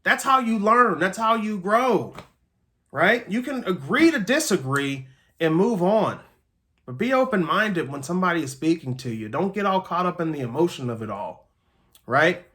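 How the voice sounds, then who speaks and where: A man's voice: high voice, sing-song, moderate pace, a bit bright. A man delivering an earnest motivational pep talk as a host, emphatic, repeating key phrases and checking in with listeners.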